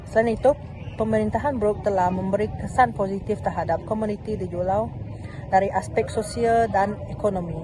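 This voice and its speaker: A young woman student reading a report aloud, steady and careful, with small restarts. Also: medium pitch, fairly quick. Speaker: student presenter. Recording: noisy recording.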